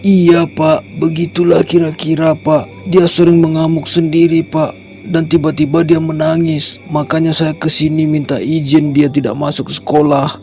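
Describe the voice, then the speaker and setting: A worried, devout father pleads gently with his troubled daughter in a horror cartoon, as a man voices him. His voice sits a little high with a gravelly texture, over background music. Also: level tone, normal speed, lightly acted. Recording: music playing underneath.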